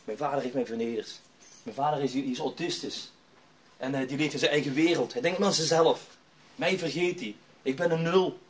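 A man's voice: on the high side, fairly quick, close to an everyday voice. A man acting out a distraught young man in despair, wailing and sobbing with self-pity.

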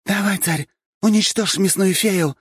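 A man's voice: sits high, measured pace, husky, no room sound, studio quality, voice pushed up. A man voicing a frantic woman fan who screams and chants cheers in a storybook reading. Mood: frenzied.

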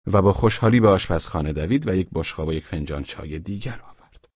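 A man reads a classic novel aloud as an audiobook narrator. His voice sits low with a husky grain, and his reading stays steady and measured. The sound is dry and a little muffled. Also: no echo.

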